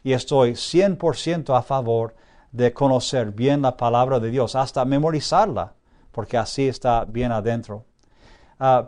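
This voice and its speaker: A man teaching a Bible class, pausing on drawn-out "ah" fillers, slowing down to stress key phrases and checking in with his listeners with a questioning "sí". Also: medium pitch, darkish tone. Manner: frequent drawn-out "ah" fillers while thinking. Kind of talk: classroom lecture.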